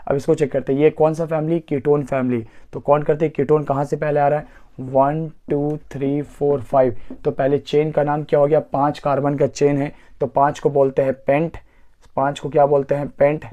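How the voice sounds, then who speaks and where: A man's voice: on the high side, level tone, normal speed, dark tone. A man teaching a chemistry exam-prep lesson, asking himself questions and counting carbons aloud step by step. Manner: asks rhetorical questions and answers them himself.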